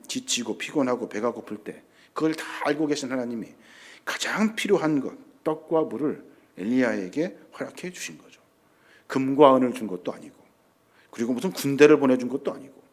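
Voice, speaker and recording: A man preaching a sermon as pastor, emphatic, swinging between fervent rises and hushed drops. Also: medium pitch.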